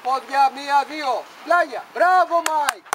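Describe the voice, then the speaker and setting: A man coaching football from the sideline outdoors, shouting short repeated commands and praise to his players. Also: extremely high pitch. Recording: noisy outdoor field recording.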